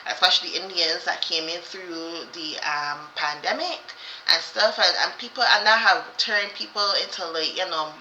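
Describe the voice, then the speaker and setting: A woman's voice: lowish voice, normal speed, pushed and bright, slight background noise. A woman chatting casually as co-host, rambling and repeating herself with many fillers and restarts. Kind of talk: casual chat. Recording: roomy, slightly dull sound.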